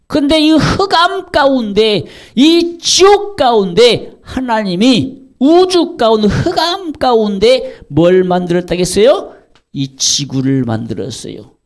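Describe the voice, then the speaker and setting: A male pastor preaching a sermon, asking the congregation questions and answering them himself, repeating key words for emphasis. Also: high-pitched. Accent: Korean from the southwest.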